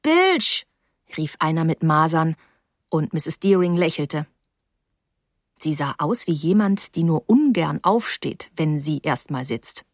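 Slow, low-voiced woman reading a novel. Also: no echo, clean studio sound. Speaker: narrator. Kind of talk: audiobook narration.

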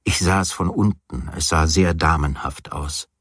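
A man reading a first-person novel aloud, with wry, hesitant storytelling and quietly voiced dialogue. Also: rumbling low, measured pace, slightly rough, no room sound, studio quality. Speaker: audiobook reader. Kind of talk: literary audiobook narration.

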